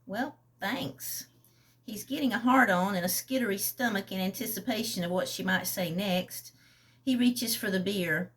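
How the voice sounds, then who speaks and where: A woman chatting casually, then reading a passage from her own novel aloud in an unhurried way. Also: mid-range voice, fairly bright tone.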